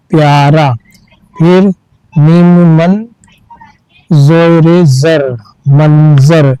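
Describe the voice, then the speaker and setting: A man teaching reading, spelling each word out letter by letter and then reading it slowly and patiently. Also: on the high side, dark tone, clean tone, dry recording, poor audio. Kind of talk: slow letter-by-letter reading lesson.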